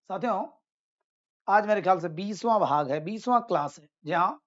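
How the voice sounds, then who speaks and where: A man's voice: high voice, lively intonation, normal speed, lo-fi sound. A man teaching an English grammar lesson in Hindi, stressing his points and drilling examples with rhetorical questions.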